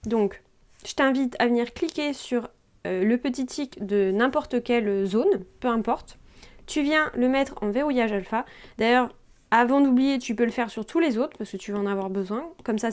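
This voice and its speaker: A woman's voice: on the high side, a little mellow. A young woman, hosting a screen-recorded drawing tutorial and speaking to the viewer in a chatty, informal way, often checking in as she goes.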